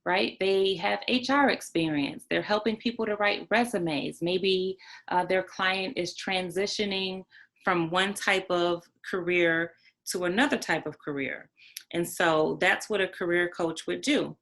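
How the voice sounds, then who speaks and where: Female coach-trainer, lowish voice, emphatic teaching style, keeps repeating points and checking in with the listener. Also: a little slow, a bit bright. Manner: emphatic, repeats key points with "right?" and "okay?". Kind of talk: online training talk.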